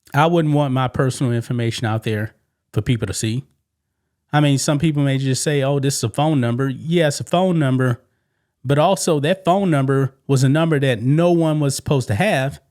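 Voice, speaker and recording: A man with a mid-range, slightly mellow voice hosts a sports commentary show. He offers casual opinions on sports news conversationally, reads quoted statements and asks rhetorical questions.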